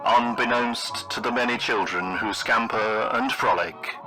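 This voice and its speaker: Deadpan man narrating like an old newsreel. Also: on the low side, measured pace, rough recording. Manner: formal, florid, deadpan delivery. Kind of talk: old newsreel narration, scripted mock travelogue. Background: music.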